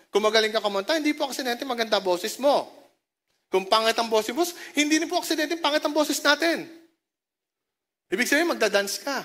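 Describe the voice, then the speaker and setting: Filipino woman pastor, high voice, playful sermon, calls out to the crowd. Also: a bit bright. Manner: playful, calls out to the congregation and jokes with them; mixes languages in quick phrases. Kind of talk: sermon to a congregation. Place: church service.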